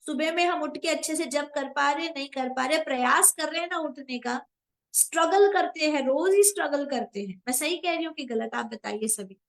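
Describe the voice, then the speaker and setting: Woman, high voice, devotional teacher, earnest, questions the listeners. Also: normal speed, poor audio. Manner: earnest, asks the audience questions. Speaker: spiritual teacher. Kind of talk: devotional discourse. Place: online live session.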